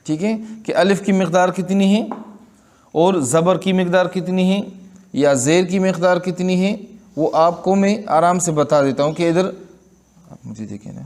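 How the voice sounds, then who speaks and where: A man from Pakistan with a somewhat high voice teaches a recitation lesson. He explains tajweed rules patiently, repeats words to demonstrate them, and keeps checking in with his students. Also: darkish tone.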